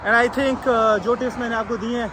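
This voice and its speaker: A woman's voice: on the high side, fairly even intonation. A woman coaching exam candidates, talking them through practical advice. She slips between languages mid-sentence and keeps asking whether they follow. A faint hum of traffic and street noise sits behind her voice. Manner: switches languages mid-sentence, checks in with listeners. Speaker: exam preparation tutor. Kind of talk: spoken advice lesson.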